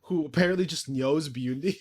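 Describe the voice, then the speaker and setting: A man's voice: on the high side, normal speed, a little mellow. A man co-hosting a podcast, recapping an episode in a laid-back, sweary way and acting out characters' lines. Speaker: podcast co-host. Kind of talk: casual episode recap chat.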